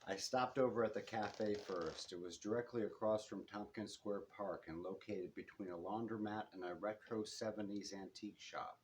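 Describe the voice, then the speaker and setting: A man reads his own first-person detective novel aloud at a live bookshop event, and the low-quality recording picks up some background noise. His fairly low voice keeps a fairly even intonation, delivered in measured, short phrases that drop at the ends.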